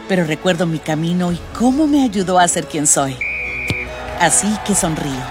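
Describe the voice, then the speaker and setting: A woman speaks as a soccer player in a reflective, sincere commercial. Her voice is on the lower side, with clear music behind her. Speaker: athlete in a commercial. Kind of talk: reflective scripted ad monologue.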